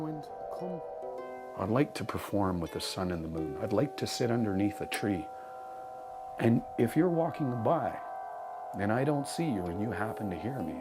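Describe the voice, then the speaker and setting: Low-voiced man, lyrical storyteller over music. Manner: lyrical, musing, earnest. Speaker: harp player. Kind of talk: reflective personal storytelling. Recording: music under the voice.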